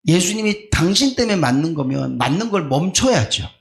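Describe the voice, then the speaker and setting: Middle-aged male preacher, animated and high-pitched, shouts his points in a roomy hall. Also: a little fast, gravelly. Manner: swings from quiet storytelling to shouted exhortation. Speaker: pastor. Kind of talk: sermon. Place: church sanctuary.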